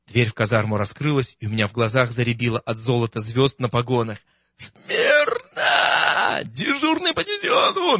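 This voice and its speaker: A man reading a first-person memoir as an audiobook, in a wry, steady storytelling manner. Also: mid-range voice, no echo, studio quality. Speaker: narrator.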